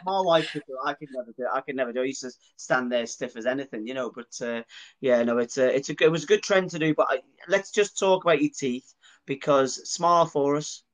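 A friendly man conducting a casual interview, with a middling pitch. He rambles and often restarts his questions, keeping the tone light and chatty. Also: a little fast.

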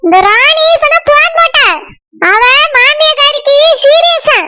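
A woman's voice: extremely high pitch, measured pace, very noisy. A woman voicing Rasathi, a proud, quarrelsome village woman with a Tirunelveli Tamil accent, in a cartoon. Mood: indignant. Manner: indignant, scolding rants. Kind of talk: cartoon voice acting.

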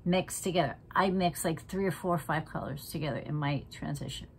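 Brisk and creaky, the low voice of this 60-something makeup vlogger comes with a little hiss or hum on the recording. She sits close to the camera in her living room, doing her makeup while chatting frankly and feistily, sometimes in a half-whisper.

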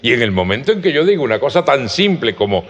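Lively Caribbean Colombian man telling stories. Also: medium pitch. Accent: Colombian Caribbean coast. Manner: animated, spells words out slowly, laughs often. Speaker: storyteller among friends. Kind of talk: casual storytelling conversation. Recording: reverberant hall, dull lo-fi sound.

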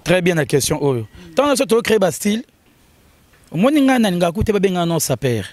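A man giving an animated, casual interview, his voice jumping higher when he gets excited. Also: moderate pace. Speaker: interview guest. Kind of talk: casual interview talk in Lingala and French.

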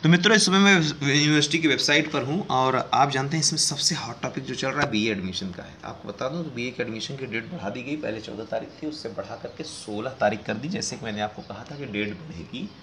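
A man talks to his viewers in a relaxed, explanatory way, calling them friends. His voice sits at a middle pitch with a bright, forward edge. A faint hiss of background noise runs under the recording. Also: fairly quick, few pauses. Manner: conversational, addresses viewers as friends, reads out news excerpts. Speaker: education news video host. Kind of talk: casual explanatory talk to viewers.

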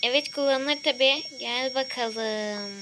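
A woman's voice: high-pitched, slow pace, noisy background. A woman voicing a brusque, bossy dentist who gives curt instructions during toy role-play. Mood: calm instructing.

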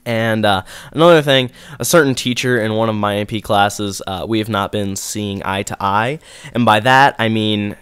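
A man's voice: fairly low pitch, normal speed, a bit bright, clean tone, no echo. A teenage boy with a sore throat and congestion, talking casually and in a subdued, rambling way with many fillers as he speaks over gameplay. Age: teens. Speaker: gaming video creator.

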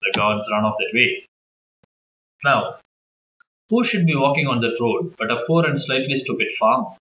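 A man reading a children's story aloud in a halting, uneven way. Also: mid-range voice, expressive, echoey room, highs cut off. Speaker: storybook reader.

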